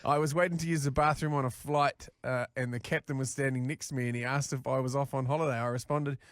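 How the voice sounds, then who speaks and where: A man's voice: medium pitch, fast talker, no room sound, studio quality. A man co-hosting a radio show, reading listener stories aloud and giggling as he goes. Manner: animated, giggling reader. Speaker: radio co-host.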